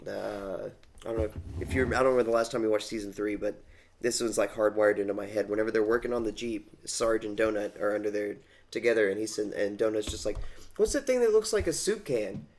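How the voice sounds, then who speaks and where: A man's voice: on the low side, little pitch movement, quick pace. A man co-hosting a casual fan podcast, talking eagerly and quoting favorite lines with gusto. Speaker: podcast co-host.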